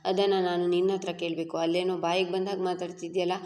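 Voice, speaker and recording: A woman voicing a patient, principled young daughter-in-law, calm but firm and reproachful, in a reverberant room. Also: fairly low pitch, quick pace, close to an everyday voice.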